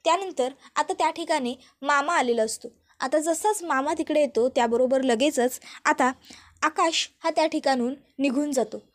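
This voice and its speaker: High-voiced woman narrating a recap. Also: moderate pace. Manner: steady, descriptive narration. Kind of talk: storytelling episode recap.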